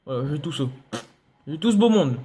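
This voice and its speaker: A young man giving excitable let's play commentary, yelping and laughing at enemies. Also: a little high, fairly quick, husky. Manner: excitable, shouts and yelps at enemies, laughs often. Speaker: gaming youtuber.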